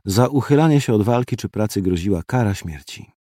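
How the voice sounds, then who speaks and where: A man narrates an audiobook in the first person, gruff and terse in manner. His voice sits low and sounds dark and mellow. The recording is dry and close, with no room sound. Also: animated, fairly quick, no room sound.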